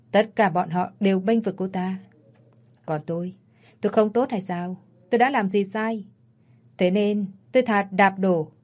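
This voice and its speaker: A woman's voice: medium pitch, dark tone, natural voice. A woman voicing a jealous, scheming young wife speaking with bitterness.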